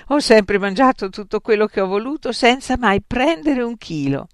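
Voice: mid-range voice, animated, moderate pace, no echo, studio quality, pitched above the performer's own voice, lightly acted. A narrator voicing Lena, a carefree, cheerful widow with a big appetite, in a storybook reading. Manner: bright and carefree.

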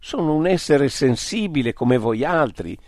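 A man voicing a large, calm, philosophical alien creature that speaks in a measured, courteous way. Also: fairly high pitch, no room sound, clean studio sound, pitched above the performer's own voice, natural voice. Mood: reflective.

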